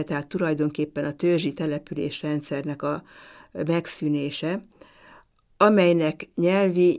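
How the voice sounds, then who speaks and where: A woman lecturer giving an academic talk in a measured, deliberate way, pausing now and then to hesitate. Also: low-pitched, darkish tone. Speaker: university lecturer.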